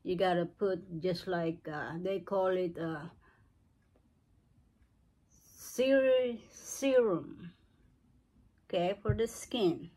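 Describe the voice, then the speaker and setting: Woman in her seventies, home vlogger, very slow and halting, reaching for words as she goes. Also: on the low side, dark tone. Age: 70s. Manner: slow, searching for words, non-native phrasing. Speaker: craft and beauty vlogger. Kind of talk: unscripted home tutorial. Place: cluttered living room at home.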